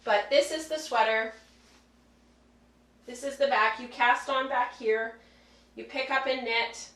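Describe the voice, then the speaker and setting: A woman's voice: on the high side, fairly even intonation, a little slow, fairly bright tone. A woman casually showing her handmade work in a chatty way, full of fillers and restarts, heard from some distance in an echoey room. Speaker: fiber arts vlogger. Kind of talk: casual show-and-tell. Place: indoor room. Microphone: distant mic after standing up. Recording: echoey room sound, away from the mic.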